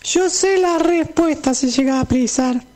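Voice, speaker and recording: A sweet, childlike boy, as a man puts him on, speaking softly and slowly. The voice is very high but mellow in tone.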